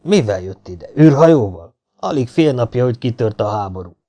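Man reading as a wry sceptical englishman, mellow low voice, kinda mocking. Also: expressive. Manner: sardonic, doubtful. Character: wary armed Englishman, dry and sceptical.

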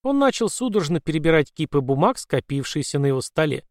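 A man's voice: on the high side, big pitch swings, fast talker, no room sound, clean studio sound. Male storybook narrator. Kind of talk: audiobook narration.

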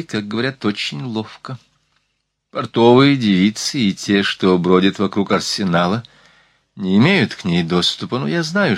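A gracious, worldly sultana, read by a man in a low voice, speaking in a soft, slightly lisping whisper. She is confiding and decisive, with a light teasing edge. The recording is close and dry. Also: no room sound, exaggerated voice.

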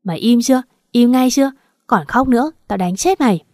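A woman voicing a scheming, desperate young wife with a shrill, pleading manner, recorded dry and close. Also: moderate pace, darkish tone, dry recording, natural voice. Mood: furious.

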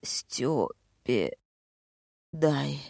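A woman voicing a badly injured young woman who gasps out broken words in a faint, hoarse whisper. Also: rumbling low, lively intonation, extremely slow, a little mellow, no room sound, clean studio sound, full character voice. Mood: weak, hoarse. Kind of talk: audiobook character voice.

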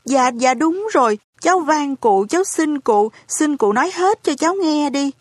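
A woman's voice: high-pitched, lively intonation, normal speed, no echo, studio quality, voice pushed up. Woman doing a pleading orphan boy. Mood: pleading, anxious. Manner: pleading, urgent, raised voice. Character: anxious orphan boy searching for his family.

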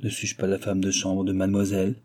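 A man's voice: sits low, monotone, quick pace, darkish tone. A man voicing a sly young chambermaid in an audiobook, talking in a sugary, insinuating way.

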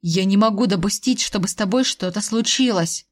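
A woman voicing a stern, weary male dragon husband who speaks slowly and firmly. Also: mid-range voice, close to an everyday voice. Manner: slow, firm, tired.

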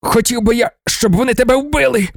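A terrified ambassador, pleading in a trembling voice, voiced by a man who pushes his pitch up high. The lines burst out loud and lively, and the sound is dry and close. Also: a little fast, no room sound. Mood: frantic. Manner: pleading, rising to shrill outbursts. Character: frightened, then furious male ambassador. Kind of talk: audiobook character voice.

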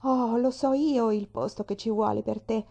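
A woman voicing a cheerful, chatty young girl who talks in excited bursts. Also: medium pitch, a little fast, close to an everyday voice. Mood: eager, chattering. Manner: breathless, excited exclaiming.

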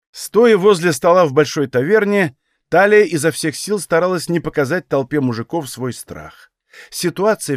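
A man narrating a fantasy audiobook in an even storytelling manner. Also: on the high side, no echo, clean studio sound. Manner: even storytelling, acts out dialogue.

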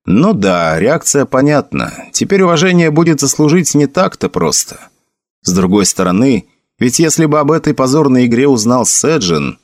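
An eager, flustered young nobleman, as a male audiobook narrator puts him on, pitched above the reader's own voice. The delivery is lively in pitch and dry and close. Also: moderate pace, dry recording, lightly acted.

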